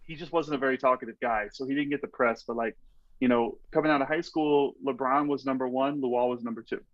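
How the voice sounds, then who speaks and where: A man's voice: mid-range voice, steady tone, a little fast, dry recording. Chatty man, rambling fillers, dull dry sound. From Texas. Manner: rambling, lots of "like" and "you know". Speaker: podcast guest, strength coach. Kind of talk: casual podcast storytelling.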